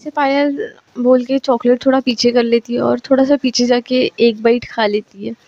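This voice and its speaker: A woman's voice: on the high side, fairly even intonation, normal speed, darkish tone, dry recording, dull audio. A woman telling a romantic story in a chatty, casual narration, dropping in English words.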